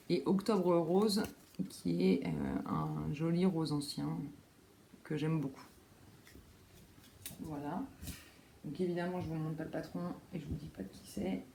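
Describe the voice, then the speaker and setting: Woman chatting about knitting at home, mellow voice, lots of euh and pardons, echoey room with faint noise. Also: on the low side, creaky. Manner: rambling, many fillers and self-corrections. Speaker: knitting vlogger. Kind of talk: casual show-and-tell chat. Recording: roomy echo, faint background noise.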